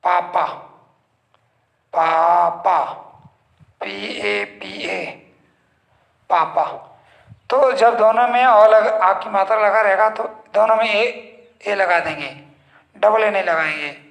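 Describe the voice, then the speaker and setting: A man's voice: sits high, takes it slowly, long pauses, fairly bright tone. A man teaching young children to spell words in English, sounding out each word letter by letter and repeating it. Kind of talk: slow spelling lesson for children. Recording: echoey room.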